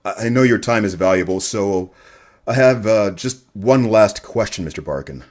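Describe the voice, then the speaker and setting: In a radio play, a male actor voices a local radio reporter who asks news interview questions in a measured, courteous and earnest way. His voice sits fairly low, slightly mellow and natural.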